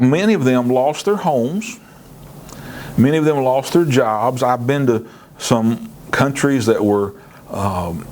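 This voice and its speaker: A middle-pitched man preaching a Bible lesson. He speaks earnestly, restarts phrases with repeated words and rises sharply on the points he stresses. Faint hiss sits under his voice. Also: darkish tone. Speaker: pastor. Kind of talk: sermon teaching through scripture.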